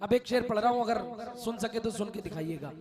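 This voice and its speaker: A man's voice: high-pitched, fairly quick, crowd noise. A man reciting devotional poetry who speaks earnestly to a gathering, urging them to raise their hands and join in. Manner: earnest, pleading appeals. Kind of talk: addressing a gathering between chanted verses. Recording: clear music behind the voice.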